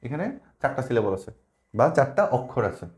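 Male teacher, low mellow voice, patient step-by-step explaining, frequent check questions, roomy echo. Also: big pitch swings, moderate pace. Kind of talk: classroom grammar lesson. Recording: echoey room.

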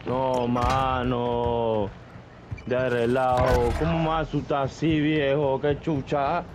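A man's voice: medium pitch, flat delivery, takes it slowly. A man with a Panamanian Spanish accent chatting casually and profanely as he plays a video game. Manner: slangy, profane. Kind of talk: casual gaming chat. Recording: loud gunfire and game noise.

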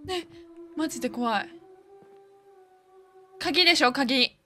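A woman runs a gaming video with laid-back commentary, easily startled into frequent exclamations and repeated words. She talks slowly in a high, bright voice with a forceful tone, and there's slight background noise.

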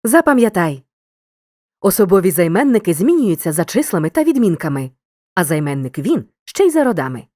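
A woman narrating a scripted grammar lesson in a clear, measured, instructive way. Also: fairly low pitch, big pitch swings, dark tone, no echo, studio quality.

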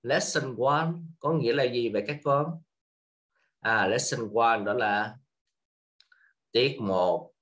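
A man with a Vietnamese accent teaching English to children, switching between Vietnamese and slowly repeated English words for the kids to copy. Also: mid-range voice, fairly bright tone. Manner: slow drawn-out repetition of English words.

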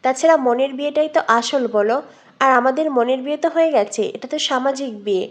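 An earnest young bride, as a woman narrator voices her speaks gently and pleadingly to an old friend. Her voice sits high and light, in plain storybook reading with almost no put-on character. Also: quick pace.

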